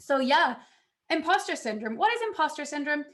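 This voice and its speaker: A woman giving a conference talk, telling her story in an animated way and acting out her own past reactions. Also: sits high, moderate pace. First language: not English. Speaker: conference speaker.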